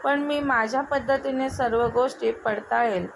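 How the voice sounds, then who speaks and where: A woman voicing a stern adult male police officer, speaking firmly and in a measured way. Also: sits high, steady tone, creaky. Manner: firm, measured. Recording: noticeable background noise.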